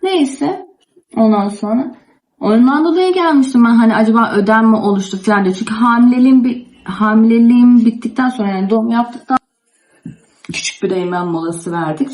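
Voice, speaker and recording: A woman's voice: fairly high pitch, moderate pace. Indignant young woman vlogger chatting. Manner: animated, indignant retelling with many quoted asides. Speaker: home cooking vlogger. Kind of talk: casual storytelling chat to camera.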